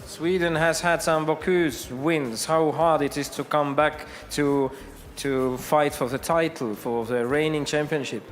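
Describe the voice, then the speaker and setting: A man's voice: a little high, steady tone, measured pace, hardly any pauses. A man hosting a live on-site interview, asking playful, joking questions. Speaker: event host and interviewer. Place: large competition hall. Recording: reverberant arena hall.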